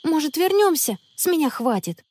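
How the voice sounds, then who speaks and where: A woman's voice: high voice, sing-song, moderate pace, dark tone, a little hiss or hum, voice pushed up. A woman doing a timid, grumbling young girl.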